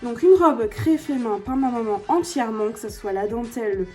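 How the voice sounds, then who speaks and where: A woman's voice: a little high, normal speed, a little mellow, faint music behind. Gushing young woman, southern French accent. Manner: chatty, gushing, many fillers. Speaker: doll collector vlogger. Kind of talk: casual show-and-tell vlog.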